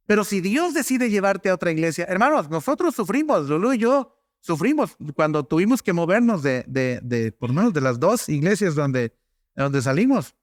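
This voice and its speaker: Male pastor, middle-aged, high lively voice, storytelling sermon, dry sound. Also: no room sound. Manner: anecdotal, conversational preaching with frequent asides to the congregation.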